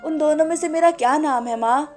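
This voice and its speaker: A woman's voice: high voice, a little fast, a little mellow, faint music behind, pitched above the performer's own voice, lightly acted. A woman narrator voicing a frightened, confused four-year-old child who pleads tearfully. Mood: pleading.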